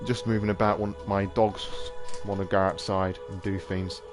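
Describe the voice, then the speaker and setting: A man's voice: sits low, little pitch movement, moderate pace. A man hosting a casual live-stream reading, drifting into rambling, self-deprecating asides. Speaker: host reading a visual novel on stream. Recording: music playing behind.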